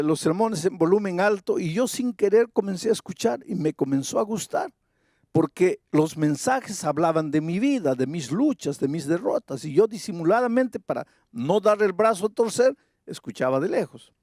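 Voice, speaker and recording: A male preacher lowers his voice into a tearful old man of about eighty, soft and halting as he confesses. The sound is dry and close, with hardly any room around it. The words come slowly and hesitantly. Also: no room sound.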